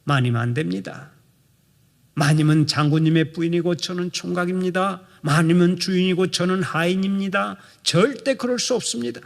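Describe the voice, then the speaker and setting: A man's voice: sits high, normal speed, creaky. A man voicing an upright young male servant who refuses with earnest, respectful firmness. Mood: firm.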